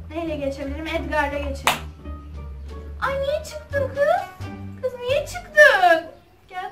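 Excitable young woman gamer host, very high and animated, with game music behind her. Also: far from the mic. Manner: excitable, chatty, shrieks and giggles while playing. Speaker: gaming channel host. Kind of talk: casual gameplay commentary. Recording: echoey room, off-mic, game music behind.

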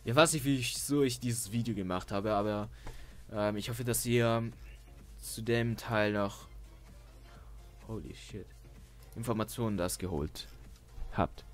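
A man's voice: on the low side, measured pace, pauses often. Young man, casual commentary, hesitant restarts, headset mic, faint background music. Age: young adult. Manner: rambling, hesitant, laughs at own jokes. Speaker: YouTuber. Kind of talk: casual screen-share commentary. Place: small bedroom at a desk.

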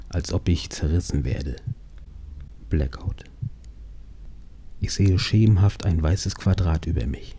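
A man with a very low, dark voice tells a first-person story in halting, dramatic phrases. His tone is husky, and at times it sinks to a hushed whisper. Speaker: narrator of his own accident.

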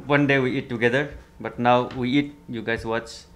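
A man's voice: mid-range voice, a little slow. A young man hosting a casual food vlog at home, chatting with his viewers during a family meal. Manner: relaxed, chatty, repeatedly addresses viewers as guys. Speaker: vlogger host.

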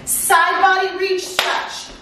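A middle-aged woman coaching a workout as an energetic, encouraging aerobics instructor, exerting herself as she calls out cues and countdowns. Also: extremely high pitch, slow. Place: living room at home, indoors. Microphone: far camera. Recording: echoey room, far microphone, faint noise.

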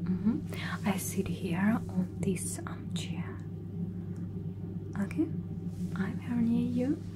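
In an ASMR roleplay as a flight attendant, a woman in her thirties whispers breathily and close to the mic. Her medium-pitched phrasing is halting and hesitant, and there is heavy background noise.

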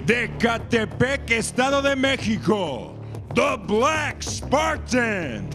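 A man working as a ring announcer in a dramatic lucha libre style, switching between two languages in a booming voice and stretching out names. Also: big pitch swings, slow. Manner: alternates Spanish and English. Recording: loud music behind. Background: music.

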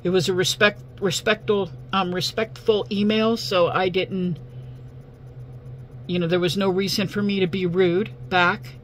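A woman with a hoarse, failing voice addresses her viewers casually as an online host, in a halting, earnest way. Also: mid-range voice, fairly even intonation, rough recording. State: hoarse, losing voice. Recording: faint background hum and noise.

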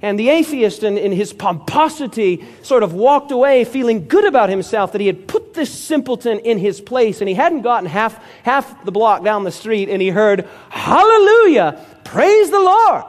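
A man's voice: high-pitched, expressive, normal speed, few pauses. A male pastor preaching a sermon with emphatic storytelling and calls for amen.

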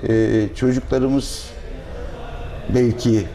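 Measured middle-aged man in a restaurant. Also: medium pitch, level tone, warm tone. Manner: measured, thoughtful, pauses with fillers. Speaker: restaurant owner. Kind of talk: interview answers. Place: fish restaurant dining room.

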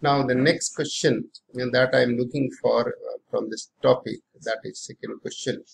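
A man's voice: medium pitch, steady tone, moderate pace, creaky. A middle-aged man with an Indian accent teaching maths, working through problems aloud, often repeating phrases and posing questions to himself.

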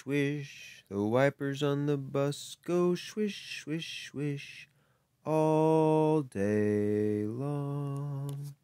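A reader doing a slow sing-along read-aloud of a picture book, drawing out the line endings in a sing-song way. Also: mid-range voice, darkish tone, smooth, no room sound. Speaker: storybook reader.

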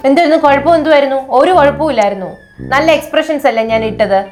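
A woman's voice: high voice, expressive, racing, darkish tone, faint music behind. A woman acting in a comedy sketch, fussy and complaining, repeating her lines nervously.

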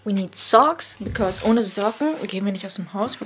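Young girl vlogging at home on her phone, jittery and excited, whispers now and then. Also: mid-range voice, moderate pace, slight background noise. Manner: nervous, excitable, drops into whispers. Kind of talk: casual vlog chat.

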